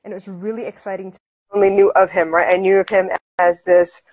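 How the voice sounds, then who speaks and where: A woman's voice: medium pitch, flat delivery, fairly quick, a little mellow. Bubbly woman hosting a casual live chat. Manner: bubbly, enthusiastic, lots of fillers. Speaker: host of a live video chat. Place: indoors, small room, phone selfie. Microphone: wired earphone mic. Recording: slightly dull lo-fi live-stream audio.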